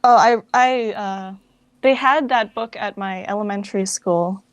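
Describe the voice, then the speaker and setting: As an interview guest, a woman chats casually about books, sprinkling "like" throughout her informal speech. Her mid-range voice is a little slow. The recording is muffled, with no echo.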